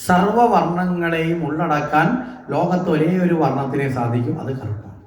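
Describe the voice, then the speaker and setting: A man's voice: on the high side, moderate pace, reverberant, a little hiss or hum. A man giving a devotional scripture discourse at a temple, often asking the listeners questions and answering them himself. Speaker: religious discourse speaker. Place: temple hall.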